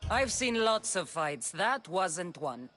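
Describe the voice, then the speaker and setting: A woman's voice: fairly low pitch, sing-song, slow, fairly bright tone, heavily acted. An actress playing a dry-witted, blunt female warrior in a video game. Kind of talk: video game character dialogue.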